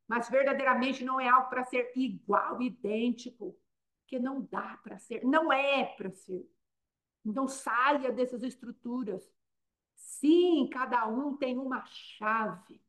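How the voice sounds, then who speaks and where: A Brazilian woman preaches with a fairly high voice. She repeats her phrases for emphasis and moves between loud stress and quiet intensity. She sounds middle-aged and fervent. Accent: Brazilian Portuguese. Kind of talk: sermon.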